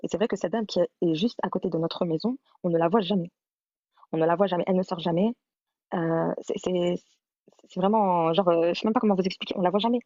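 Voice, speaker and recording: A woman talks quickly and at a somewhat low pitch as she hosts a live stream and tells her own story. She rambles, backtracks and repeats her words as she goes. The sound is dry, dull and lo-fi. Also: mellow, dry recording.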